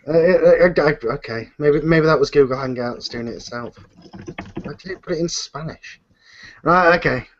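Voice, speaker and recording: A man with a fairly high voice at normal speed hosts a live online Q and A over a video call, casual and unscripted, a bit flustered and rambling. The audio is muffled and lo-fi.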